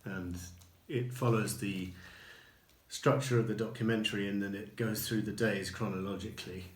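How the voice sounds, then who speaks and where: Low, flat-voiced man in an echoey room. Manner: unhurried, many ums and restarts. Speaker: record collector showing purchases. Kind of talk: casual video review. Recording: echoey room with faint noise.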